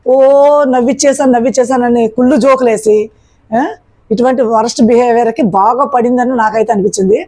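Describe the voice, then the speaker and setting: High-voiced opinionated woman reviewer. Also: fairly even intonation, brisk, warm tone. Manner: opinionated, rhetorical questions. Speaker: reality show reviewer. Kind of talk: episode recap commentary.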